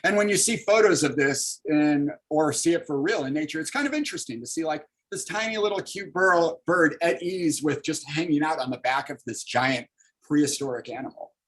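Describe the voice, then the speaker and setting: A man's voice: on the high side, brisk, fairly bright tone, poor audio. A man in his thirties, a comics artist leading an online library workshop, talking casually and upbeat with many fillers over a video call.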